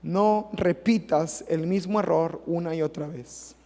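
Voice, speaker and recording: A man's voice: on the high side, measured pace, warm tone. A man preaching a sermon as pastor, emphatic and often repeating "amen" and "right?". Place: church hall. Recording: long reverb of a church hall.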